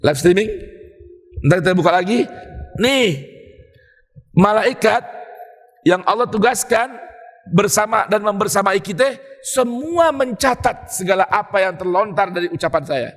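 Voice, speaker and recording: High-voiced preacher in a mosque. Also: male voice, normal speed, long pauses. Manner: animated and conversational, talking directly to the congregation. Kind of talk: lively mosque sermon. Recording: long hall reverb in a mosque.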